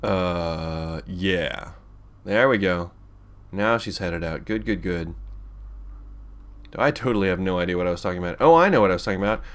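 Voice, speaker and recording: Man, lowish voice, let's play host, casual rambling gameplay commentary. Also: moderate pace, pauses often. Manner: rambling and chatty, with frequent restarts and chuckles.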